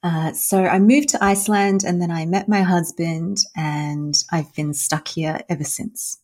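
A woman from Australia, a podcast guest talking in a soft-spoken, thoughtful way. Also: on the low side, fairly even intonation, measured pace. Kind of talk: casual interview.

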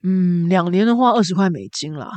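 A woman voicing a weary, jaded male store clerk who talks in a slow, low, mumbling monotone. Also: no echo, close to an everyday voice. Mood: listless.

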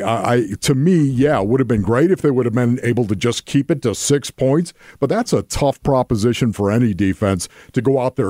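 A man's voice: mid-range voice, warm tone, no echo, clean studio sound. An American man giving conversational football analysis in a folksy, emphatic way, often repeating his phrases. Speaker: sports radio analyst.

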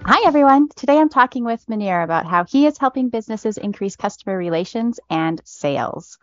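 A woman's voice: on the high side, expressive, brisk, dry recording, muffled recording, soft background music. A woman hosting an interview podcast, reading a prepared guest introduction and asking questions. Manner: reads a prepared intro, laughs easily. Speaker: podcast host.

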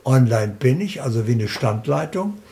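A man being interviewed, calmly and slowly laying out his spiritual practice point by point. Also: medium pitch, creaky. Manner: slow, deliberate, explaining in lists. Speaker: interview guest. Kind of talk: calm spiritual interview talk.

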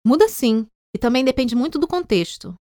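A woman with a Brazilian Portuguese accent explains language points on a scripted podcast in a friendly, teasing tone. Her somewhat high voice moves through a wide, expressive melody. The close recording is dry. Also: normal speed, no echo. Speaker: podcast host and English teacher. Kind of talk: scripted educational podcast dialogue.

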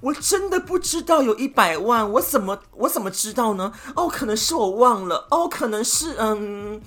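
A woman's voice: a little high, lively intonation, normal speed, fairly bright tone, pitched above the performer's own voice. A woman voicing a lying man who makes pleading, whiny excuses and plays the victim. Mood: whining.

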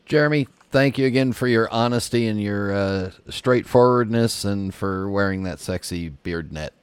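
A man's voice: lowish voice, normal speed, smooth, no echo. Jokey male radio host, dry sound. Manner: jokey, teasing, laughs a lot. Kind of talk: radio interview hosting.

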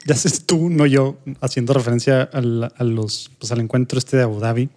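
A man co-hosting a casual podcast, thinking aloud with frequent pauses, restarts and tag questions. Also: medium pitch, steady tone, darkish tone. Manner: hesitant, searching for words, many tag questions. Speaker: podcast co-host.

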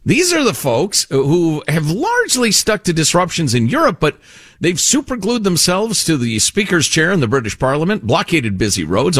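A man's voice: a little high, fairly bright tone, no echo, studio quality. A man hosting a talk show, giving opinionated, exasperated commentary with plenty of sarcasm.

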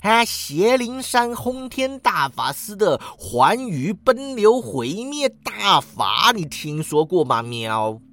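A man's voice: a little high, very animated, a little slow, fairly bright tone. A man reading a story, voicing a smug, lazy male talking orange cat that ends its lines with a meow.

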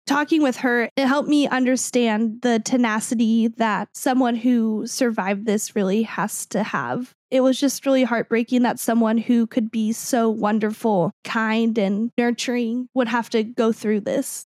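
A woman's voice: on the high side, steady tone, measured pace, few pauses, darkish tone, no room sound. A young woman speaking candidly and emotionally about her grief, at times on the edge of tears. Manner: emotional, candid, swears when angry. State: tearful. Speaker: guest. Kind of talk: personal testimony.

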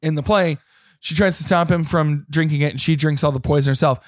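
A man co-hosting a casual podcast chat, joking and animated, full of quick asides. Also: fairly high pitch, dry recording, studio quality. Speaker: podcast co-host.

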